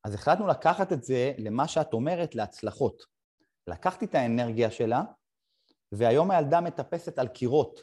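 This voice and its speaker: A middle-aged podcast host leads a casual conversation, recounting a personal story haltingly with short pauses between phrases. His medium-pitched voice is mellow, darker in tone, husky, and expressive.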